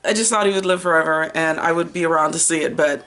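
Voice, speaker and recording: A fiftysomething American book vlogger speaks fast in a low voice, chatting animatedly to the camera. She rambles casually, goes off on tangents, and lengthens words to emphasize them.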